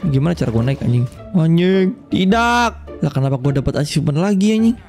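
A young man with giving loud, swearing, jumpy Minecraft commentary and teasing his co-player. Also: on the high side, expressive, a little fast, faint music behind. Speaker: gaming YouTuber. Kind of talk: excited casual Minecraft commentary.

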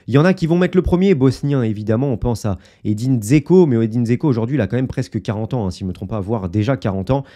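This football YouTuber talks fast with hardly any pauses, his medium-pitched voice warm and animated. He casually analyzes football to camera, sharing opinions with viewers through many fillers and asides.

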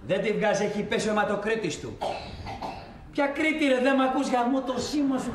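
Brash slangy undertaker on a roomy set. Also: male voice, very high voice, animated, a crowd in the background. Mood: hustling. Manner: slangy, blunt, shouting down a bad line. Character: brash pushy male undertaker hustling for business. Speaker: undertaker on a phone call. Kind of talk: film comedy acting.

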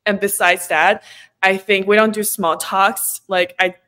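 A Chinese woman in her twenties, whose first language is Chinese, chats as a guest in a casual interview over a laptop video call from a home room with kitchen shelves. Her medium-pitched voice is sharp, flat and unhurried, with many fillers and frequent laughter.

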